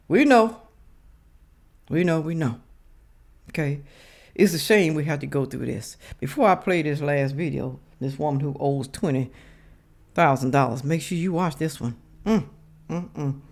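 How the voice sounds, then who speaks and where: A woman's voice: low-pitched, gravelly, a little mellow. A woman gives blunt, emphatic, casual commentary to her viewers, repeating herself, her words slurred as if speaking without her dentures in. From United States. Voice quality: slurred, toothless speech from missing dentures. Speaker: reaction video host.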